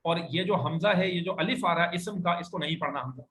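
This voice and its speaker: A man with a Pakistani Urdu accent teaching an Arabic class, slowly drawing out each word for his students to repeat. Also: sits high, fairly bright tone, slight background noise. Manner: slow, drawn-out modeling of words for students to repeat. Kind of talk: classroom language lesson.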